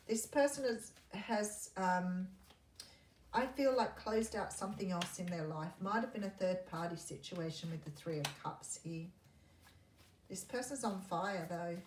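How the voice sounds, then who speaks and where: A woman giving a mystical tarot horoscope reading, speaking in an intuitive, musing way with pauses as she works through the cards. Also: fairly low pitch. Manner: intuitive, musing, pausing as cards are turned. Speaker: tarot reader. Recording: roomy echo, faint background noise.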